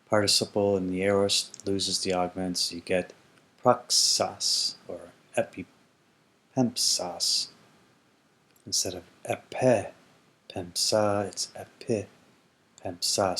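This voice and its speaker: A man's voice: deep voice, a bit bright. A man teaching ancient Greek grammar, speaking carefully and repeating words to model their pronunciation, with frequent ums and restarts. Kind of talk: explanatory grammar lesson.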